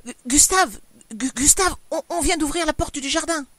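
A woman reading a story aloud, voicing a scornful, nagging middle-aged wife in a shrill, scolding voice. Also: brisk, dry recording, natural voice. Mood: frightened.

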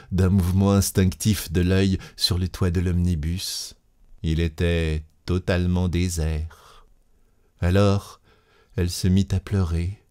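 A man narrating a story in a slow, expressive reading voice. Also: low voice.

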